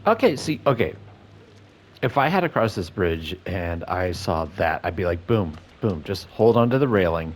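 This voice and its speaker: Casual male let's player, animated and nitpicky, lower register, faint background noise. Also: moderate pace. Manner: critical, nitpicking asides about the game. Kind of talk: casual gameplay commentary.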